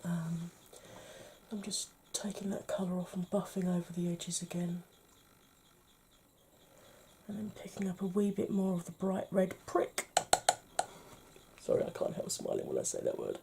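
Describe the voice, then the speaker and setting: A British woman talking through a makeup tutorial, chatty and playful, often dropping to a soft murmur. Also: fairly low pitch, big pitch swings, normal speed, pauses often, slight background noise. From United Kingdom. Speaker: beauty vlogger.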